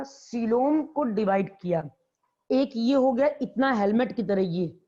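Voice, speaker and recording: A woman biology teacher with a slightly high, mellow voice gives a classroom lecture, repeating key terms and quizzing her students. The recording sounds dull and lo-fi.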